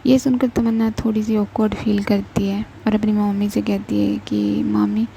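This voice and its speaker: A young adult woman narrating a love story slowly and deliberately, pausing often. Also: medium pitch, little pitch movement, gravelly, mellow, slight background noise, rough recording. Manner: slow, deliberate, with pauses and restarts.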